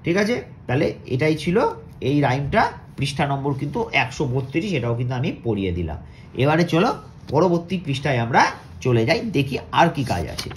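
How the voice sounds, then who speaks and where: Lively Bengali teacher man, sing-song. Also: mid-range voice, slight background noise. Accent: West Bengal. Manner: lively, sing-song rhyme reading and slow spelling. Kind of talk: children's textbook lesson.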